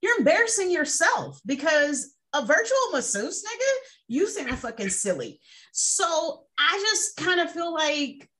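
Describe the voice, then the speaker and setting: A woman's voice: sits high, very animated, a little slow, sharp tone. A woman co-hosting a casual chat podcast, blunt and emphatic, who swears freely. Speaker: podcast co-host.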